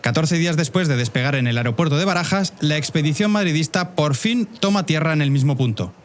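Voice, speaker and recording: A man's voice: a little high, expressive, fast, a little hiss or hum. A man from Spain hosting a scripted narrative podcast, wry and addressing listeners directly with conversational asides. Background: faint music bed.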